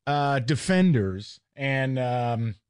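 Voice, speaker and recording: A man's voice: mid-range voice, expressive, drawn-out words, darkish tone, a little hiss or hum. A male sports talk host ranting sarcastically with mocking jabs and heated emphasis.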